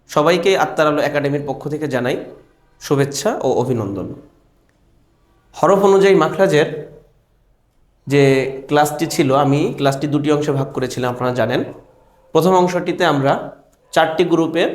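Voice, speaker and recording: A man with a Bangladeshi Bengali accent teaches Quran reading. He repeats each letter aloud and then asks his viewers where it is pronounced. His voice sits a little high and rings in an echoey room. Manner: drills letters by repeating them and quizzing viewers. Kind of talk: Quran recitation lesson.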